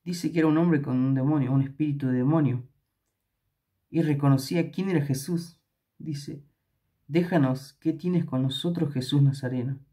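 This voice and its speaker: A man's voice: a little high, steady tone, moderate pace, warm tone. Hesitant Argentine man in Bible study. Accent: Argentine Spanish. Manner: hesitant, many fillers and restarts. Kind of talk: Bible study reading and commentary.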